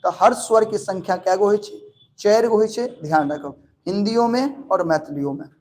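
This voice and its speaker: A man with a Maithili accent teaching grammar for an exam, drilling students with quick questions and answering them himself. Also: high voice, slight background noise. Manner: lively, calls students pet names. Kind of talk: online exam-prep grammar lesson.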